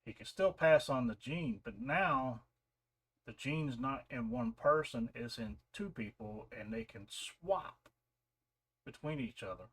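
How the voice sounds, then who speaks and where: A man's voice: mid-range voice, expressive, measured pace, a bit bright, slightly rough. A man casually recapping and reviewing a series episode, rambling with fillers and restarts. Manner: rambling, loose retelling with many fillers and restarts. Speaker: show reviewer.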